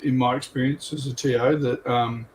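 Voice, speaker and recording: On a livestream panel, a tournament organiser chats casually, rambling and frequently qualifying his statements. His voice is medium-pitched with fairly even intonation and a moderate pace. The sound is roomy and echoey, with background noise.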